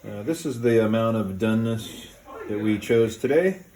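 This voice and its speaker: A man hosting a casual cooking video in a home kitchen, talking step by step in a relaxed, plain way with many "uh"s and "um"s. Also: fairly low pitch, normal speed, slight background noise. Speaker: home cooking show host.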